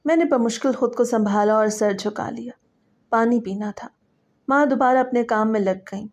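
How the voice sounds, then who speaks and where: A woman's voice: medium pitch, a little mellow. A woman telling a suspenseful story in the first person, in a tense, dramatic narration.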